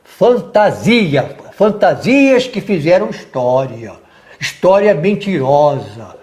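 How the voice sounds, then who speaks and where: Older Brazilian man, retired general, TV interviewee; high-pitched, very animated delivery, emphatic and repetitive. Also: slow pace. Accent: Brazilian Portuguese. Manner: emphatic, animated, repeats words for stress, acts out quotes. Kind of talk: TV interview, storytelling.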